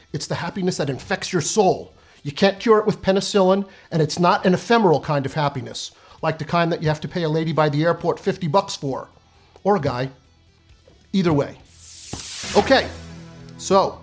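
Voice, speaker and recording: A man in his fifties with a slightly husky, raised voice runs through a scripted comic monologue. His delivery is sardonic, profane and punchy, and faint music plays under him. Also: fairly high pitch. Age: 50s. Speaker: comedic essayist.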